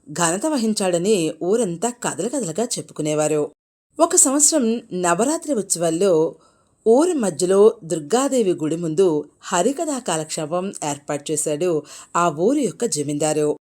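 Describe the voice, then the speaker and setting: A woman narrating a moral folk tale in an expressive, animated storytelling voice. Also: on the low side.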